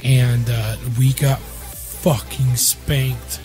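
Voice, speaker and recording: A young man co-hosts a relaxed chat, his voice strained and worn from being sick. He rambles loosely through his stories and swears freely. Faint music plays under the talk. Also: medium pitch, very slow. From Iowa. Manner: profane, rambling storytelling. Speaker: podcast co-host. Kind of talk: casual chat.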